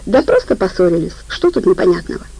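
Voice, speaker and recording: A woman's voice: fairly low pitch, sing-song, quick pace, gravelly, warm tone, breathy edge, exaggerated voice, poor audio. A woman reading a curt scheming young woman. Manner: harsh, bossy, curt.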